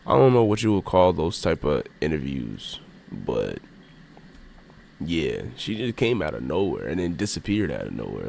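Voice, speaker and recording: A man's voice: sits low, creaky. A man who is sick, with a tissue up one nostril and a congested nose, giving casual, slangy, profane reaction commentary as a video host. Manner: informal, profane, rambling. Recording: background noise.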